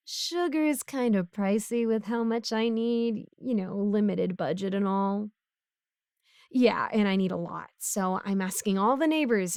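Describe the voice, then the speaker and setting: Sheepishly rambling, a woman acts out a broke, bumbling, talkative supervillain neighbor trying to plead her case and justify herself in a casual audio roleplay. The studio-quality recording is dry, and her medium-pitched voice stays close to everyday speech.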